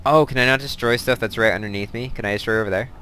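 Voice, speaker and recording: A man's voice: mid-range voice, fairly even intonation, rapid-fire, pushed and bright. A man hosting a let's play, chatting casually and thinking aloud as he plays, drifting into side stories. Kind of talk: casual gameplay commentary.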